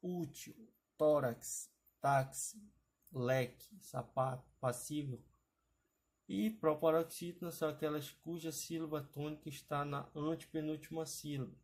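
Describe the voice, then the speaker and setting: A man's voice: a little high, steady tone, unhurried, a little mellow. Man teaching a grammar lesson. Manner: explanatory, adds frequent "tá, pessoal?" checks. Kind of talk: exam-prep grammar lesson over slides.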